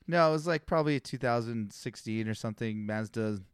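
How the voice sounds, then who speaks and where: A man's voice: medium pitch, fairly quick, clean tone, no echo, studio quality. A young man co-hosting a casual podcast, telling rambling stories and complaining for laughs. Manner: complaining storyteller, deadpan gripes. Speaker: podcast co-host.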